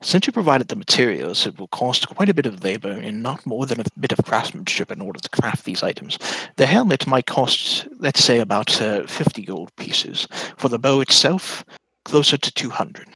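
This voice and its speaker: A man voicing an elf woman who works as a craftsman, talking in a formal, measured way. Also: mid-range voice, sing-song, bright, forceful tone, breathy edge, dry recording, full character voice, poor audio. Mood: businesslike.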